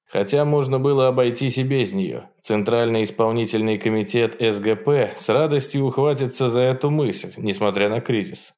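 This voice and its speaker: A man's voice: medium pitch, moderate pace, few pauses, a little mellow, lightly acted. A man voicing a dry, faintly ironic male political leader in an audiobook reading.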